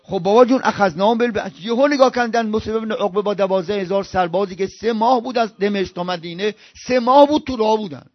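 A man preaching an impassioned sermon. He swings from loud outbursts to hushed murmurs and chants scripture in a slow recitation. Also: high voice, no room sound, muffled recording.

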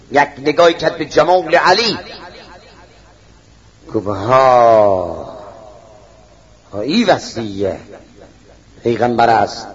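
A man's voice: high-pitched, fairly bright tone. A man preaching a religious sermon as a dramatic storyteller, acting out the voices in his stories, in a dull lo-fi recording.

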